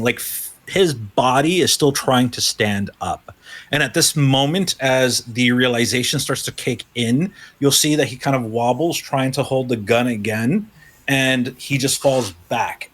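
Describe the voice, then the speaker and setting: A man running a tabletop game as game master, narrating loosely with many fillers. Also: mid-range voice.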